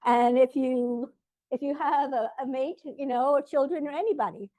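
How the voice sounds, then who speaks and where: A woman's voice: sits high, moderate pace, dark tone, no room sound. A woman in her sixties giving a self-deprecating, humorous talk at an outdoor garden event. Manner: self-deprecating, wry storytelling. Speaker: vendor and speaker. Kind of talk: humorous presentation.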